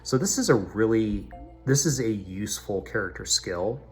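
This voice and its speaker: Man, gameplay commentator, chatty and low-pitched, recorded with heavy echo in a large cavernous room. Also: animated, moderate pace, faint music behind. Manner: chatty, talks himself through menus. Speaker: mobile game video host.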